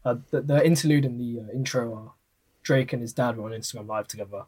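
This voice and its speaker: A man, reviewing an album in casual podcast chat, talking quickly with lots of restarts. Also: medium pitch, husky. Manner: rapid, animated, full of restarts.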